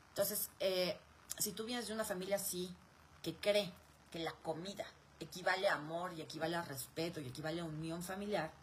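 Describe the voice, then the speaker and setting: A woman's voice: fairly low pitch, slight background noise. Mexican woman explaining with rhetorical questions. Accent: Mexican Spanish. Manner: explanatory, asks rhetorical questions and answers them. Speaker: speaker answering viewer questions. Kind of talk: live question-and-answer explanation.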